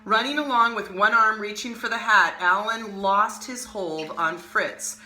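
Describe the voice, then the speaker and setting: A woman hosting an art lesson, reading a picture book aloud with expressive, animated storytelling and casual asides. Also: medium pitch, measured pace, echoey room, soft background music. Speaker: art teacher and host.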